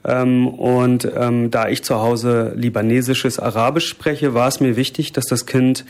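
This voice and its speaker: A man from Germany, a father guesting on a talk show, speaking in a thoughtful, measured way with fillers. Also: mid-range voice, little pitch movement, darkish tone. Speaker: guest, parent. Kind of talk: casual chat.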